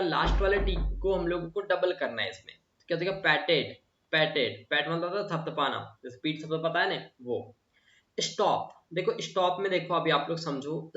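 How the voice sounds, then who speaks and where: A man's voice: fairly high pitch, fairly bright tone. A man teaches English grammar to a class. He repeats the words and keeps asking the students questions. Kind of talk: classroom lesson. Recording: echoey room, voice from a distance, dull sound.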